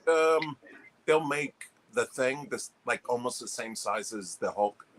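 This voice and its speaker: A man's voice: medium pitch, measured pace, fairly bright tone, a little hiss or hum, rough recording. A man on a stream panel talking in a hesitant, nostalgic way with many fillers. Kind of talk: casual chat.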